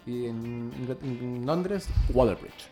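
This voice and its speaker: Relaxed Chilean man chatting. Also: mid-range voice, normal speed, soft background music. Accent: Chilean Spanish. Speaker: podcast co-host. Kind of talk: casual chat.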